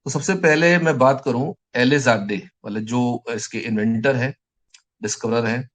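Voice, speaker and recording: Here a man teaching a lecture pauses his explanations to dictate English phrases slowly, word by word. His voice sits in the mid range, and he has an Indian English accent.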